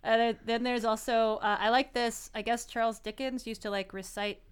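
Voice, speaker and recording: A woman's voice: on the high side, fairly even intonation, moderate pace, clear, resonant tone. Giggly chatty woman in her thirties. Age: 30s. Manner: chatty, giggly, lots of "like" and restarts. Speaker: podcast co-host. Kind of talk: casual chat.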